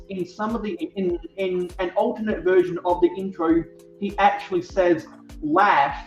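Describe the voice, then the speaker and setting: A man's voice: sits high, mellow. A man co-hosting a casual livestream chat, stammering through restarts. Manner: stammering restarts, breaks into sung theme songs. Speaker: co-host. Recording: distant echoey lo-fi mic with music.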